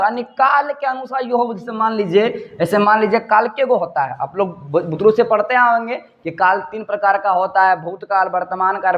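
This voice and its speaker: A man's voice: sits high, muffled recording. A man, teaching a Sanskrit translation lesson. He asks each point as a question and then answers it himself.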